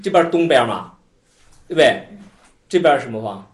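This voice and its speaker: With a brisk pace and a voice that swings around a middling pitch, a lively Buddhist scripture teacher delivers a loose lecture of explanation, repeated phrases and easy laughs. The recording has a roomy echo.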